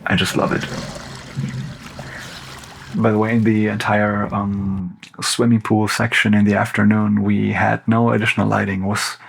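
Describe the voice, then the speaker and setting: A cinematographer with a German accent talking through a film breakdown in a relaxed, loose way, full of "like" and "you know". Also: male voice, on the low side, normal speed, vocal fry, breathy edge. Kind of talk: casual behind-the-scenes commentary.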